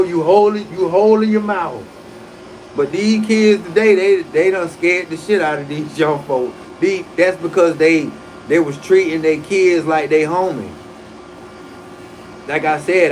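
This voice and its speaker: A man's voice: a little high, slight background noise, poor audio. A man in his forties hosting a casual livestream, talking loosely with profane slang and frequent restarts. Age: 40s. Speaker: livestream host.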